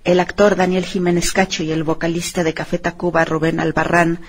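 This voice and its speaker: A man narrating a news report in a steady, matter-of-fact delivery. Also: fairly high pitch, a little fast, a little hiss or hum.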